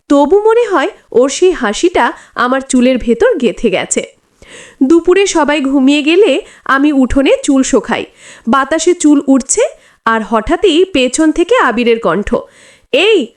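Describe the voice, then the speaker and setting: A woman narrating a romantic story in the first person, with a dreamy, confiding manner. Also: sits high.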